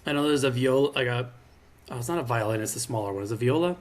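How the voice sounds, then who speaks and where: A man's voice: medium pitch, fast. A man co-hosting a podcast in casual chat, rambling, laughing often and swearing casually. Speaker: podcast co-host.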